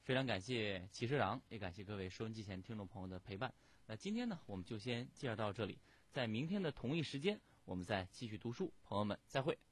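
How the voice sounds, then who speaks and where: A male radio host closing a book-reading program, calm and courteous. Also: lowish voice, quick pace, slightly rough.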